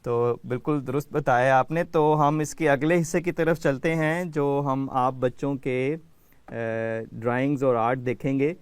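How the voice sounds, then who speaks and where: A man's voice: medium pitch, steady tone, clean tone, dry recording. A man hosting a children's education program, patiently calling on kids by name to answer quiz questions.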